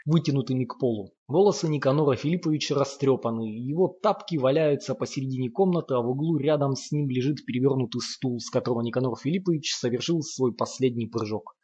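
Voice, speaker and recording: Husky-voiced male audiobook narrator. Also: medium pitch, a little mellow. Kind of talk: scripted narration of a horror novel. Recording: muffled lo-fi audiobook recording.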